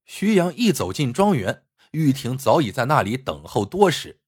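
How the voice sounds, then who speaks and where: Guy reading a thriller story out loud, husky voice, pitch jumping all over, dry close sound. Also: moderate pace, dry recording. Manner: lively, suspenseful telling. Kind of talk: dramatic story narration.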